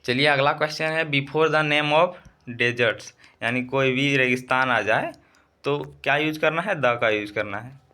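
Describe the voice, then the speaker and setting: Man, grammar teacher, asks and answers own questions, spells words slowly, medium pitch. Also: pushed and bright. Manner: asks the class questions and answers them himself. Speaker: exam prep teacher. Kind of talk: explaining English grammar in Hindi to students.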